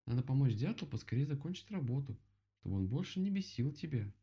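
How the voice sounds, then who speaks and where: A man voicing a gentle, patient female bear in a children's story, calm and careful. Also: mid-range voice, fast, husky, pitched above the performer's own voice, exaggerated voice. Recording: dull lo-fi recording.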